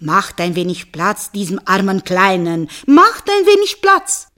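A woman voicing a foolish, cheerful young peasant wife in a storybook tale, talking in a shrill, gleeful singsong. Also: very animated, slow, pushed and bright, heavily acted.

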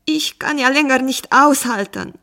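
A desperate henpecked farmer, whining and pleading in a raised, slightly higher voice, as a woman reads him out. He draws his complaints out slowly, with a gravelly edge. It sounds like a storybook fairy tale. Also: animated, full character voice.

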